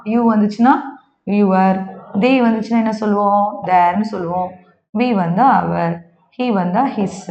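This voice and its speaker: A woman's voice: medium pitch, darkish tone, reverberant, muffled recording. A woman with a Tamil accent teaching an English grammar lesson for exam preparation. She switches between Tamil and English and keeps asking the class whether they follow.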